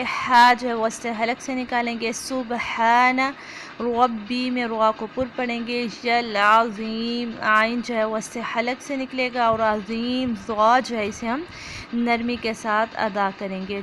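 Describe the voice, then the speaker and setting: A woman with an Urdu accent teaching an online lesson, reciting phrases slowly and then explaining pronunciation step by step. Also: fairly high pitch, fairly bright tone, slight background noise. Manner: slow drawn-out recitation, then brisk explanation.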